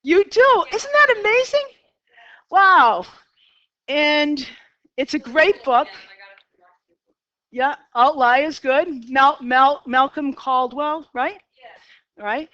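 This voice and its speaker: A woman's voice: high-pitched, lively intonation, very slow, pauses often, bright, forceful tone, no echo, muffled recording. A woman in her fifties with a Boston accent, teaching a college math class in a chatty style, asking students questions and going off on tangents. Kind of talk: classroom lecture.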